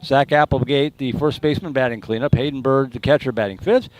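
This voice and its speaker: A man's voice: brisk, a little mellow, no echo. A man doing live baseball play-by-play in an announcer voice. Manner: announcer voice calling pitches and plays. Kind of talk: live sports commentary.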